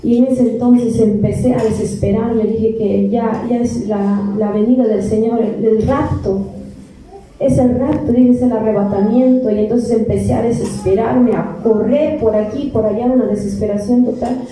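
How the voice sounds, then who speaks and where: A woman from Peru, speaking with a Peruvian Spanish accent, gives an earnest testimony to a church congregation in a church hall, repeating words and calling her listeners beloved brethren. Her voice is a little high, steady, and dark at a moderate pace, picked up from far off in the echoey church with slight hiss or hum.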